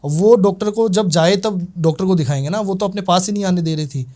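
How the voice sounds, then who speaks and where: Rambling man telling a case, slightly high voice. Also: fairly quick, darkish tone. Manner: rambling, repetitive retelling with many fillers. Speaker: tantrik guest telling a case. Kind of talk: casual spoken storytelling.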